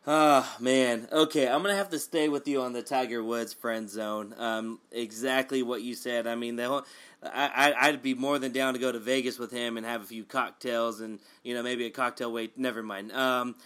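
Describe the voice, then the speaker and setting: A man co-hosting a casual sports chat, animated and jokey, with many fillers. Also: medium pitch, normal speed. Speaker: co-host.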